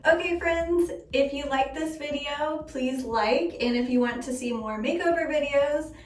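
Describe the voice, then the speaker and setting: A woman vlogging a home makeover in a chatty, informal way, with a gushing, excited reveal delivery. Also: sits high, unhurried, recorded from a distance. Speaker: DIY vlogger. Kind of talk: casual home makeover vlog. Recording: echoey room.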